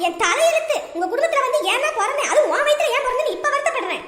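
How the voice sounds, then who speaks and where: A woman's voice: very high voice, lively intonation, very fast, a bit bright. A woman playing a bitter married daughter who sarcastically blames her family for her ruined life, in a comedy skit. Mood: accusing. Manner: scolding, accusing, sarcastic. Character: bitter wronged married daughter, sent away by her husband. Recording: echoey room with long reverb.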